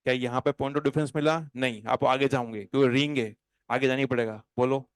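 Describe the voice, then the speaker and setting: A man teaching chemistry to a class. He talks in an animated, playful way and slows right down when he dictates notes. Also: medium pitch, clear, resonant tone. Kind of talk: classroom lecture. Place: classroom with students.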